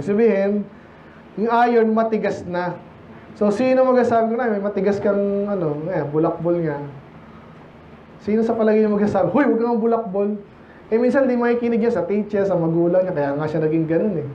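This high-pitched male preacher from the Philippines speaks in a church sanctuary, teasing his congregation and peppering the sermon with rhetorical questions in a conversational way. The audio is an echoey, muffled church recording carrying a faint hiss or hum.

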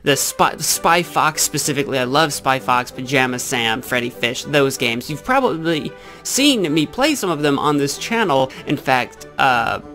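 Speaking in a Midwestern American accent, a man in his twenties from Illinois hosts a YouTube gaming channel, chatting casually to camera while rambling and correcting himself. His medium-pitched voice is animated and sharp, at a measured pace with few pauses, over soft background music. He's close to a pop-filtered desk microphone in a small indoor room with a green screen.

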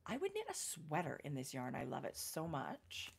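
Woman, middle-aged, co-hosting a craft chat; low-set voice, unhurried, explains everything in detail. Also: huge pitch swings, creaky, slightly rough. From Canada. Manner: detailed, explanatory, with frequent pauses and fillers. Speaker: knitting podcast co-host. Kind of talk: casual chat.

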